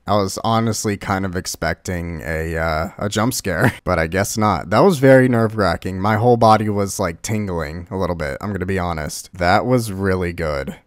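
A man's voice: sits low, no echo, studio quality. A man hosting a gaming video, giving casual reaction commentary on a horror game. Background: music.

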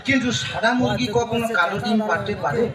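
A man's voice: high voice, quick pace, over a noisy crowd, natural voice. A man playing an argumentative, cheeky drunken village husband in a broad stage comedy, rambling and repeating himself. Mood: drunken boasting. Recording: echoey stage PA, distant, music behind.

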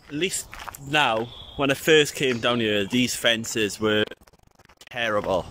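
A man in his twenties from South Wales vlogs as he hikes through woodland, chatting and musing aloud with a handheld camera held at arm's length. His voice is on the low side, and music and slight background noise run behind him.

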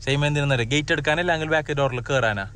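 A man chats quickly through a family vlog, his voice sitting a little high for a man. He keeps breaking off to call to the kids, and there is a faint hiss behind him. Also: a bit bright. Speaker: family vlogger. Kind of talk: casual family vlog chat. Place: at home and in the family car.

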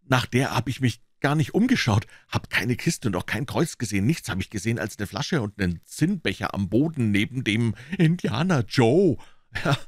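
A man voicing an excitable, frightened boy adventurer who tells a scary tale breathlessly. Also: medium pitch, normal speed, no room sound, studio quality, voice pushed up. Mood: excited.

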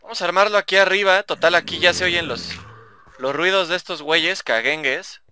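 A man's voice: high-pitched, a little fast, pushed and bright, slight background noise. A young man with a Mexican Spanish accent giving casual, chatty gameplay commentary, swearing and talking to himself. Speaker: gaming YouTuber.

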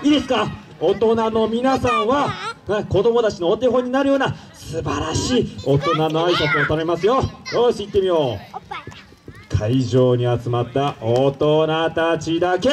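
A pompous android villain chief, played by a man, barking theatrical orders at a live stage show crowd in call-and-response. His voice sits high for a man and sounds far from the mic, carried over a PA at an outdoor stage with loud music underneath. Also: lively intonation, unhurried. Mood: rousing. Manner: commanding, theatrical, banters with the crowd. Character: pompous scheming male android villain leader.

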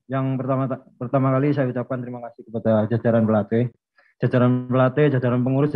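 A man who plays football answers at a press conference in a formal, measured way, thanking his coaches and fans. His pitch stays flat and even. The sound is dull and lo-fi. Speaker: football player.

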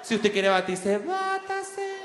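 A man voicing a calm, unbothered mother, talking slowly and relaxed on a comedy stage. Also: very high voice, music in the background, full character voice. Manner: relaxed, unhurried. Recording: roomy theater reverb.

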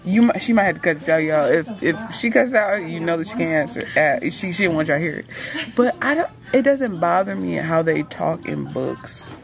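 A woman's voice: lowish voice, expressive, brisk, gravelly, faint music behind. A young woman, chatting playfully as a guest on a shopping vlog, teasing and laughing, recorded in a bookstore. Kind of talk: casual chat while book shopping.

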